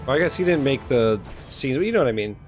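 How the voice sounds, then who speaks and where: A man reacting to a game on stream talks fast and expressively in a mid-range voice. The chat is casual, blunt and slangy with free swearing, and game music runs underneath.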